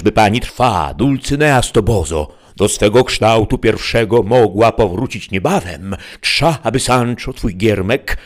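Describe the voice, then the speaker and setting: A solemn, ancient wizard spirit , as a male storyteller puts him on, declaims in a raised, swooping voice. He talks slowly and ornately, like a proclamation in a storybook reading. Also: medium pitch, voice pushed up, lightly acted.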